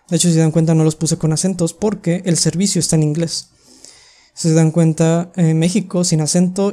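A young adult presenting a coding webinar over a video call, explaining step by step with frequent pauses. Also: mid-range voice, mellow. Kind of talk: screen-share coding tutorial. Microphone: computer mic on a video call.

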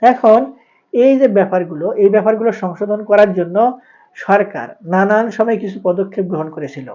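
Man, mellow voice, formal explainer, muffled lo-fi audio. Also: high voice. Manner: formal, measured, explanatory delivery. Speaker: channel host explaining land law. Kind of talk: informative monologue. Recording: dull lo-fi recording.

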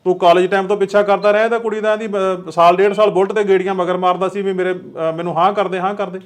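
A man's voice: fairly high pitch, quick pace, lightly acted. A middle-aged man playing a stern, protective village headman who scolds in a firm, fatherly way. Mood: angry. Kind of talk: acted village drama dialogue.

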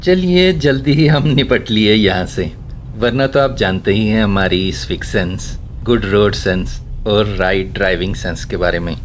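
Inside a car driving through a city in the rain, a vlogger gives a guest a tour with casual, wry running commentary. His lowish voice keeps a measured pace as he chats and makes wry remarks about traffic manners.

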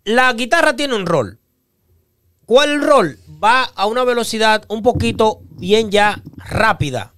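A man's voice: high voice, expressive, takes it slowly, fairly bright tone, no echo. A man co-hosting a casual music reaction podcast, explaining song structure with analogies and humming melodies.

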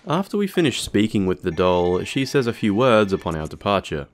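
A man with a deep voice narrates an explanatory video. His delivery is scripted, measured and formal. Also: very animated.

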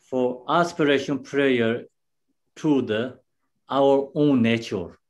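Male Buddhist teacher, dharma teaching; unhurried, halting delivery with frequent pauses, simple non-native English phrasing, medium pitch. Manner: halting, unhurried explaining with many pauses and restarts.

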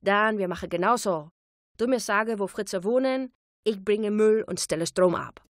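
A woman voicing a slight, kind-hearted male Vietnamese cook who speaks in broken grammar, loud and punchy. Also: mid-range voice, normal speed, no echo, clean studio sound, voice pushed up, lightly acted. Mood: rallying.

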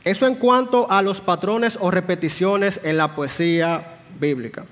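A man's voice: high-pitched, unhurried, a bit bright. A man teaching a Sunday school class in a church, explaining patiently and putting questions to the room. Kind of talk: church Bible class lecture. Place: church hall. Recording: long hall reverb.

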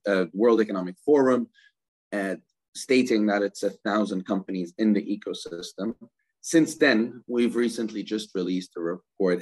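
A man's voice: lowish voice, husky, poor audio. A middle-aged man from Germany, a guest on a video-call interview, speaking fluently and energetically and often adding "right?". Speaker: guest, crypto ecosystem co-founder. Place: indoors, virtual office backdrop.

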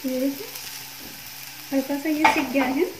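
A woman with a high voice explains a recipe step by step in a chatty, instructional way. She talks over a stove in an echoey home kitchen, with clear sizzling and frying sounds behind her. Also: fairly even intonation, a little slow, background noise. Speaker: cooking channel host. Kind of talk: home cooking tutorial.

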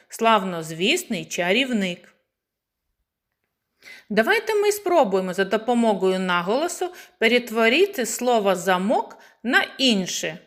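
Slow sing-song woman teaching small children. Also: mid-range voice, fairly bright tone. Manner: slow, clear and sing-song, stretching words into syllables. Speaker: preschool teacher. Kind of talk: slow lesson for young children.

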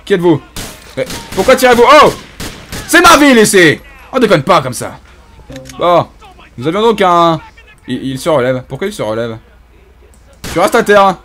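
A man with a fairly bright, high-leaning voice swings widely in pitch at normal speed, leaving long pauses. The gaming YouTuber is in character as a bumbling, pompous French-accented police inspector, hesitating with fillers in mock-solemn, comedic game commentary.

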